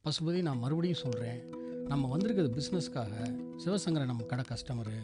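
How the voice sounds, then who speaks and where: A man's voice: mid-range voice, lively intonation, a little fast, over music, close to an everyday voice. An actor playing a polite, persuasive businessman in a TV serial. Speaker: furniture business man. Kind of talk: TV serial acting.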